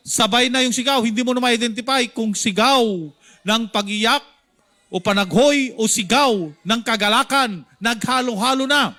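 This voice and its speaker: With an extremely high-pitched voice, this Filipino-accented male pastor gives a lively Sunday school sermon. He mixes English lines into his speech and acts out the shouts of the crowd.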